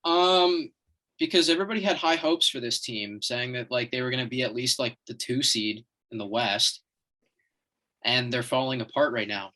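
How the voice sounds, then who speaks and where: A man's voice: mid-range voice, bright, forceful tone. Young man chatting on a sports podcast. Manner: chatty, reads updates out haltingly. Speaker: podcast co-host. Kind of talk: casual chat.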